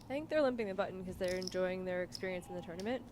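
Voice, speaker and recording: A woman's voice: on the low side, very fast, a loud crowd. A woman co-commentating on poker in a casual, hedging, conversational way. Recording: clear background noise.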